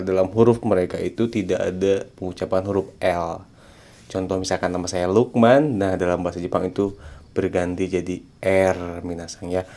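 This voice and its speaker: A man giving a casual video language lesson, chatty and friendly, slowing down to spell out sounds syllable by syllable. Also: sits low, a little mellow. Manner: chatty, repeats a friendly term of address, slows down to spell out sounds. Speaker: Japanese language teacher.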